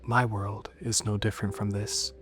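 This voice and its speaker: A man speaks in a low, level, natural voice, playing a seductive and menacing female sleep paralysis demon from a horror tale. His delivery is slow, soft and coaxing, with cryptic lines that drift into whispers. Music plays underneath.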